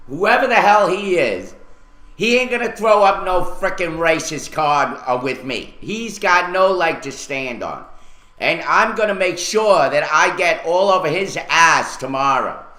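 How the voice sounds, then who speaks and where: A man's voice: fairly high pitch, pushed and bright, roomy sound, low-quality recording. A man hosting a radio talk show, ranting angrily and swearing at local officials. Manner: furious, profane, ranting. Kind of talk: angry on-air rant.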